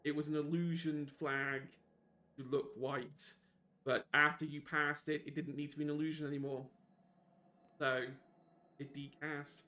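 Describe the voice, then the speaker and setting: Guy running a tabletop game, kinda high voice, talks real slow with pauses. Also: little pitch movement, pushed and bright. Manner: slow, halting narration with pauses. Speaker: game master.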